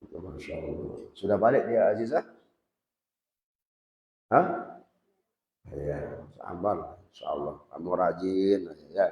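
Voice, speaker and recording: A man gives a relaxed religious lesson, chatting with his students and stopping to quiz them directly. His voice rings through a roomy hall with a long reverb tail. The recording is dull and lo-fi. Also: low voice, slow pace, long pauses. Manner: conversational, quizzes students directly. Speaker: Islamic boarding school teacher. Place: boarding school prayer hall. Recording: echoey hall, dull lo-fi sound.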